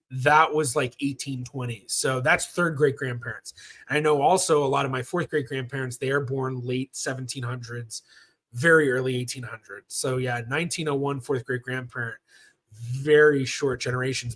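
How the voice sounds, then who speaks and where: A man in his thirties, a professional genealogist, hosts a casual livestream Q&A in a medium-pitched, slightly bright voice. He chats and rambles, filling his speech with lots of fillers.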